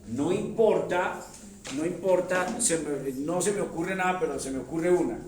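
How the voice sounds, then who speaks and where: A man's voice: on the high side, normal speed, darkish tone, slight background noise. A man teaching a church Bible seminar in a conversational way, often asking his listeners rhetorical questions and calling them affectionately. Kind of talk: classroom-style Bible teaching. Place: church hall. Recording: very echoey hall, voice from far off.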